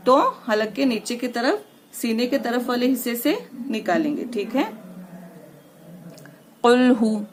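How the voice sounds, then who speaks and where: Woman, recitation teacher, patient and step-by-step, slightly high voice, faint hiss. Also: darkish tone. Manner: patient, repeats "theek hai" to check understanding; slows down and stretches words when demonstrating recitation.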